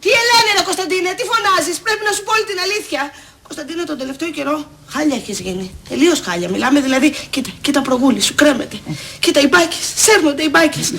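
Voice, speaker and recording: An actress playing a scornful, sharp-tongued wife who mocks her husband in a TV sitcom. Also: sits high, lively intonation, creaky, a little hiss or hum, full character voice. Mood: mocking. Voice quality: mocking, insulting. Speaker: sitcom character. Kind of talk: TV sitcom acting.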